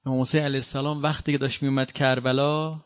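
A man's voice: mid-range voice, little pitch movement, clear, resonant tone. A man from Iran preaching a sermon, explaining Quran verses in a conversational way and asking the audience direct questions.

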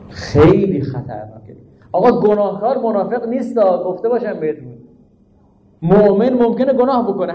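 A man giving a sermon, asking his listeners rhetorical questions, stressing his points, and reciting Arabic verses. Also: high voice. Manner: rhetorical questions, emphatic teaching tone. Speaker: preacher. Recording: dull, echoey hall recording.

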